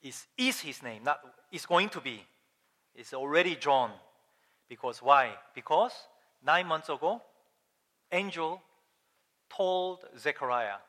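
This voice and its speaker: A man's voice: on the high side, slow, pauses often. Emphatic preacher man in a reverberant hall. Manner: animated, emphatic, asks the congregation questions. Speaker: pastor. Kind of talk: sermon.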